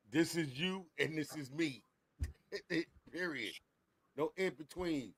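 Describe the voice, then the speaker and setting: A man's voice: on the high side, takes it slowly, breathy edge, no echo. A man in his forties hosting a podcast, chatting casually, swearing freely, laughing often and mimicking elders. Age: 40s. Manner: profane, laughing storyteller, does loud mocking voices of elders. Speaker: podcast host.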